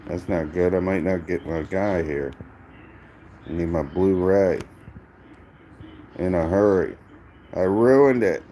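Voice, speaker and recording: A man giving casual, self-mocking commentary over a mobile strategy game he is playing, in a dry, monotone way. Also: sits low, slow, long pauses, slight background noise. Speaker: gaming channel host.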